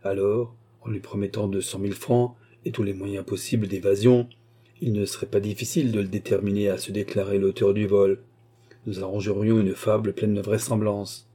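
A man's voice: fairly low pitch, flat delivery, normal speed, husky. A man voicing a cold, scheming villainous baronet who speaks curtly and imperiously in a storybook reading. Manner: curt, sharp, imperious.

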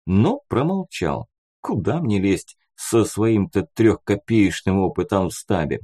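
A man narrating a first-person audiobook in steady, expressive storytelling. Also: fairly low pitch, unhurried, husky. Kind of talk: audiobook narration of a fantasy novel.

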